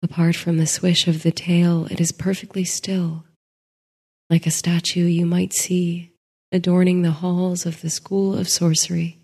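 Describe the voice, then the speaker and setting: Slow, hushed woman telling a sleep story. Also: on the low side, level tone, slightly rough, long reverb tail. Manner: soft, hushed, drifting into whispers.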